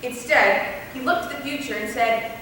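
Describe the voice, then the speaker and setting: A young woman playing an earnest female high school student, giving a measured, heartfelt stage speech. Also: pushed and bright, a little hiss or hum. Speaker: student actor. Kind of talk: stage play speech to a class. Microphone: distant room mic. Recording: echoey hall from far off.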